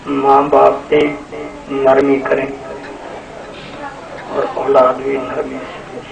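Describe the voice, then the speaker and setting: A man's voice: mid-range voice, completely flat delivery, creaky, lo-fi sound. A man from Pakistan, a spiritual guide, preaching a devotional sermon at a shrine gathering, exhorting his listeners, repeating phrases and asking rhetorical questions. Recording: roomy, distant, noisy live recording.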